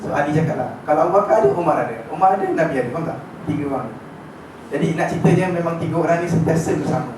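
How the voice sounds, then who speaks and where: A man with a Malaysian accent giving an informal religious lecture to a class, telling the story with lively energy and often checking that his listeners follow. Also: a little high, very fast. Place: lecture room with an audience. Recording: echoey room, distant mic, background noise.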